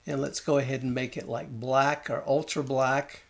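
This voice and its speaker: A man talking through a design software tutorial, thinking aloud and muttering at the program as he works, with keyboard and mouse clicks behind him. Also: mid-range voice, level tone, moderate pace, vocal fry. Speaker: design instructor. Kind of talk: screen-recorded software tutorial.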